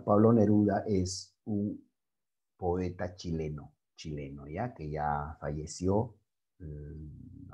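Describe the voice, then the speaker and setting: A male secondary school literature teacher giving a class, explaining poetry and reciting verses with deliberate pauses, often checking in with his students. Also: low-pitched, highs cut off. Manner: slow, lively delivery with frequent "¿ya?" and "¿ok?" check-ins.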